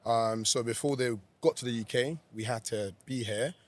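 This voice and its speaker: A man's voice: medium pitch, moderate pace. A young man from Zambia, a guest in a casual interview who laughs often and talks freely.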